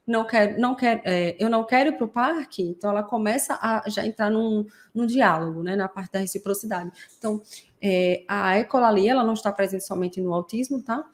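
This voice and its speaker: A woman hosts a podcast and explains her subject in a relaxed, conversational way. She keeps checking in with her listeners through tag questions and briefly acts out examples. Her voice sits in a middle pitch range. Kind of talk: casual explanatory podcast talk.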